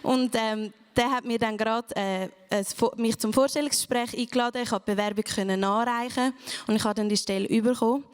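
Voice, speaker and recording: A woman's voice: a little high, fairly even intonation, a little fast, smooth, long reverb tail. A woman telling her personal testimony in a plain, casual way with some hesitations. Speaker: church member giving a testimony.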